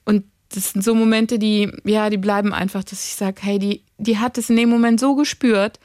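A woman in her thirties chatting casually and telling stories about her children, acting out their quotes with animated emotion. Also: mid-range voice, moderate pace, no echo, studio quality. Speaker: podcast co-host, mother. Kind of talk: casual chat, storytelling.

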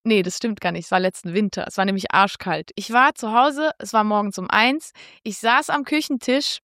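A woman telling a story in casual chat, animated and a little crude, quoting herself in a raised voice. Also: medium pitch, normal speed, dry recording, clean studio sound. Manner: lively, casual, swears, quotes herself with raised voice. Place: Switzerland.

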